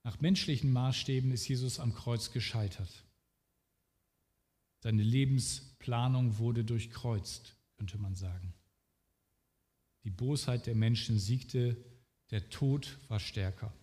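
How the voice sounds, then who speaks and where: Slow earnest male preacher, reverberant hall. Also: mid-range voice, dark tone. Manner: slow, earnest, direct address to listener. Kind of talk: sermon.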